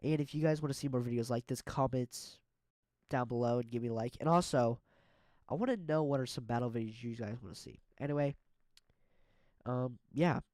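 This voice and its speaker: A man's voice: mid-range voice, fairly quick, a little mellow, no room sound. A man hosting an online monster battle video, talking through the matchups in a casual, hesitant way with frequent fillers. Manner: hesitant, filler-heavy delivery. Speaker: YouTube battle-video host. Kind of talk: casual scripted commentary.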